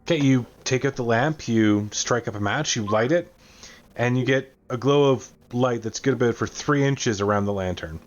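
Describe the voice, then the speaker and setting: A man running a tabletop game as game master, narrating in a calm, descriptive way. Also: mid-range voice, moderate pace, muffled recording.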